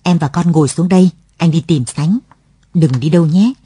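A woman's voice: low-pitched, moderate pace, warm tone, breathy edge, no echo. Woman voicing a pushy half-blind friend. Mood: urgent. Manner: urgent, coaxing. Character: eager, half-blind male friend, fast-talking.

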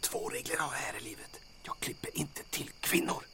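In a comic audio drama, a man with a natural, medium-pitched voice plays a nervous, reluctant soldier sidekick. He sounds hushed and jittery, protesting wryly, often in a hissed whisper and sometimes yelling.

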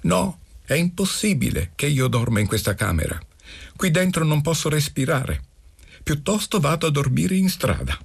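A man's voice: mid-range voice, lively intonation, normal speed, slightly rough, pitched above the performer's own voice. A man reading aloud, voicing a dramatic young male student who pleads and begs effusively. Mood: pleading. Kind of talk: literary radio reading.

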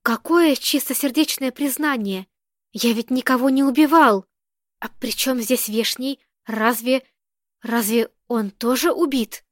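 A woman's voice: a little high, a little slow, no room sound, studio quality, natural voice. A woman reading the part of a desperate, pleading man in an audiobook, her voice raised and emotional. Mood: indignant. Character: desperate pleading middle-aged man, hostage-taker.

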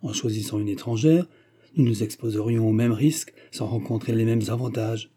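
A man doing a gruff blunt middle-aged brother. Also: fairly low pitch, fairly even intonation, normal speed, warm tone, slight background noise, lightly acted. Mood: insistent. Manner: insistent, bluff.

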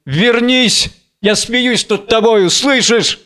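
A blind biblical strongman in a fury, as a male reader puts him on, flinging exalted taunts into the dark. His voice rides high and ringing, smooth and resonant. The delivery is wildly theatrical, like an old audiobook drama. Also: a little slow. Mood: furious. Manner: wild, exalted, taunting declamation. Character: blind raging biblical strongman Samson, man.

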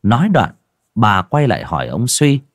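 A man's voice: on the low side, wildly swooping pitch, moderate pace, no room sound, clean studio sound. A man narrating an audio horror story in a dramatic, lurid storytelling manner.

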